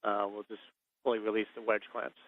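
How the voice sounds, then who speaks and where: A man speaking as a mission control communicator, giving measured procedural instructions over a radio link with hesitant pauses, like a sci-fi communicator. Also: on the low side, level tone, background noise. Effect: radio transmission. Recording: muffled band-limited radio link.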